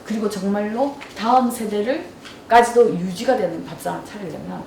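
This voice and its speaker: A woman lecturer telling everyday stories and asking her audience questions in a lively talk. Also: fairly high pitch, a little hiss or hum. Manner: storytelling, asks the audience questions. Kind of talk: lively lecture with acted dialogue. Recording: roomy hall from far off.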